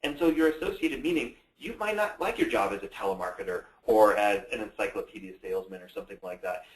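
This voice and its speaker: A man's voice: fairly low pitch, animated, fast talker. A man co-presenting at a conference, telling stories in a conversational way. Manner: storytelling, conversational. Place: presentation hall. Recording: roomy hall sound.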